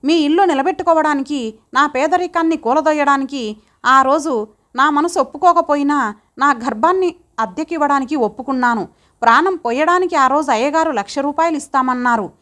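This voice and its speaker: A woman's voice: high-pitched, brisk, fairly bright tone. Woman reading as a poor, dignified young mother. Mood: firm. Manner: firm, pleading.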